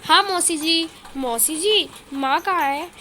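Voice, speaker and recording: A woman's voice: extremely high pitch, slow pace, sharp tone, a little hiss or hum, full character voice. A woman voicing an earnest young boy who adores his aunt.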